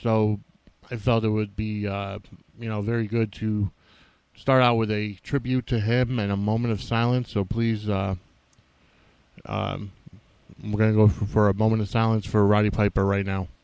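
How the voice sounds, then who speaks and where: A man hosting a podcast alone, talking off the cuff in a halting, rambling way. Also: fairly low pitch, flat delivery, darkish tone, smooth, no room sound. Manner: halting and rambling, frequently restarting thoughts. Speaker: wrestling podcast host. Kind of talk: unscripted solo podcast talk.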